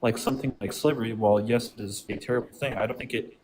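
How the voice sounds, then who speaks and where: A man's voice: medium pitch, fairly even intonation, quick pace, noisy background. A man calling in over a video call that lags, debating casually and hesitantly with many "like" fillers. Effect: heard over a lagging video call. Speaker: caller debating the host.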